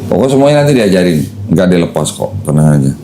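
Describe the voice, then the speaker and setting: A man with a low, warm, sing-song voice talks fast while hosting a casual podcast chat. He patiently walks a new convert through Islam step by step, with slight background noise.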